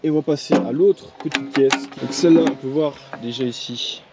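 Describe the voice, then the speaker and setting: A man's voice: medium pitch, normal speed, loud music behind the voice. A man, casually showing his militaria collection, hesitant with many fillers. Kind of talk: casual show-and-tell vlog. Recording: clear background noise with clicks.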